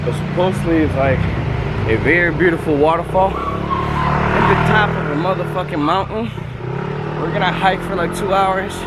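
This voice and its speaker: Higher-voiced, animated guy joking around outdoors; loud background noise. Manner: laid-back joking, casual swearing. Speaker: friend on the trip. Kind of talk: casual chat. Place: outdoors on a mountain road.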